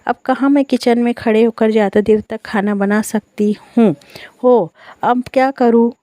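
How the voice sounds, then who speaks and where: Woman reading a story, mellow voice. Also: on the high side, steady tone, normal speed, dry recording. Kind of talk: scripted first-person story narration.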